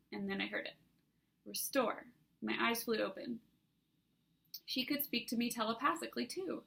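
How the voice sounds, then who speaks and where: A woman narrates a first-person fantasy novel aloud in an even storytelling way. Her voice sits a little high with a gravelly, fry-touched texture. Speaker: author reading her own book.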